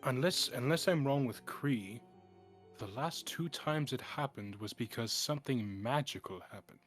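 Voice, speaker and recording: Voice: mid-range voice, normal speed, faint music behind. A tabletop game player who stammers through questions and laughs often. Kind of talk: casual chat at a game table.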